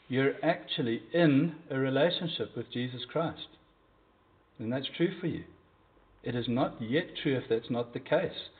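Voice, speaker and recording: A man preaching a sermon in an earnest, conversational way, repeating key points for emphasis. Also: mid-range voice. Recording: tinny phone-like audio.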